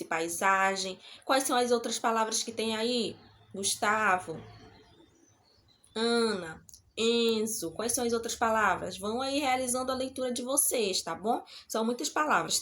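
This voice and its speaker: A woman's voice: fairly high pitch, a bit bright. A woman teacher, giving a recorded lesson and patiently checking in with her students. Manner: patient, checks in often with the class.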